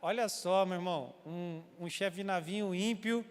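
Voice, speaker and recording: A man's voice: sits high, normal speed, clear, resonant tone. A man preaching a sermon in a church, telling a story animatedly and acting out its scenes while calling his listeners brother. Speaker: pastor. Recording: long church-hall reverb.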